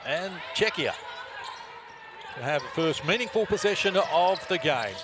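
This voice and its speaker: Higher-pitched man calling basketball over arena noise. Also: lively intonation, unhurried, fairly bright tone. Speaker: play-by-play basketball commentator. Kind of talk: live sports commentary. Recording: noisy arena broadcast clip.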